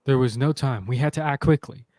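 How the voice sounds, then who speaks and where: A man voicing a calm, planning young male wizard in a fan voice-acting read-through, talking in a steady, matter-of-fact way. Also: medium pitch, a little fast, no room sound, close to an everyday voice.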